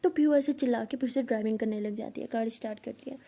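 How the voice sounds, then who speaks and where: A woman's voice: a little high, very fast, mellow. A woman casually retelling a romance story in a chatty, conversational way.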